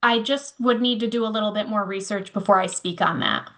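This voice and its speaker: A woman's voice: mid-range voice, fairly quick, a bit bright. A woman presenting a webinar over a video call, answering audience questions hesitantly with many fillers.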